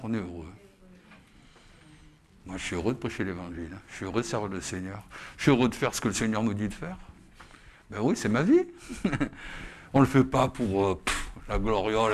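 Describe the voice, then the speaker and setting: A man preaching to a congregation as pastor, talking in a chatty, lively way and often tagging his sentences with "hein?" and a laugh. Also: medium pitch. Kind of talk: sermon. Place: church service with a congregation.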